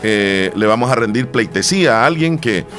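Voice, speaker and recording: A man co-hosting a casual talk show, telling a story with lively quoted lines and frequent restarts. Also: mid-range voice, normal speed, faint music behind. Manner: animated storytelling, acts out quotes, many restarts. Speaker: co-host. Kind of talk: casual chat.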